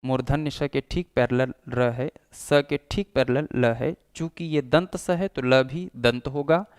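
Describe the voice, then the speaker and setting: Clear-voiced male teacher, dry sound. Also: medium pitch, measured pace, a little mellow, dry recording. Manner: explanatory, demonstrates sounds aloud. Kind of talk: classroom lecture.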